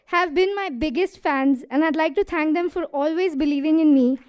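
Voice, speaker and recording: A woman's voice: high voice, moderate pace, darkish tone. A young woman in her twenties with an Indian English accent giving a prepared thank-you speech on a hall stage, out of breath and earnest. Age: 20s. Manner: earnest, laughs between lines.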